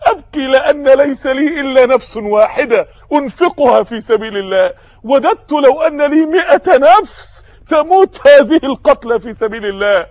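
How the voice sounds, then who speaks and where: A man with an Egyptian Arabic accent voicing a steadfast, devout captive who makes slow, solemn, emphatic vows. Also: extremely high pitch, dry recording, lo-fi sound.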